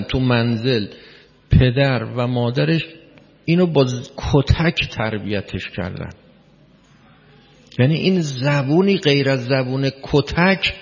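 A man's voice: mid-range voice, vocal fry. A man giving a spoken lecture, explaining step by step, repeating key words and putting questions to his listeners. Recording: long hall reverb, dull lo-fi sound.

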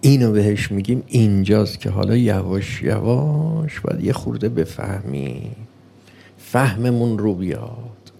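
A preacher with a lowish, creaky, warm voice and a breathy edge delivers a sermon slowly and deliberately. He's animated, posing rhetorical questions and voicing an imagined opponent.

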